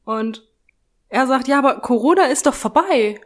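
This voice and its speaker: A woman chatting casually, spinning a story with plenty of laughter. She slips into voices to act out what the other person said, and her retelling is quick and colloquial. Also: high-pitched, lively intonation. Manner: laughs often, acts out the other person's replies. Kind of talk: casual chat, telling an anecdote.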